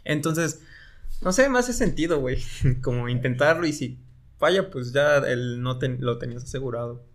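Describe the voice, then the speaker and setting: A man's voice: medium pitch, moderate pace. A man with a Mexican accent hosting a casual podcast, talking in loose slang and egging on his guest. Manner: loose, slangy, laughs along. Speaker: podcast host.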